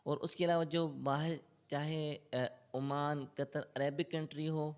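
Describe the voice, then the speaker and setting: Male Quran tutor with a Pakistani accent, slightly high voice, patient explainer, interview answers. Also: little pitch movement, clean tone. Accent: Pakistani Urdu. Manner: recites in slow melodic chant; explains patiently with English loanwords.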